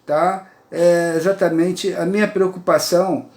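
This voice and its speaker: Speaking a little slowly in a steady tone, this man has a high, slightly mellow voice, and the recording sounds roomy. He's a poet and writer in his sixties with a Brazilian Portuguese accent, earnestly rambling about his views from his apartment and frequently checking in with listeners.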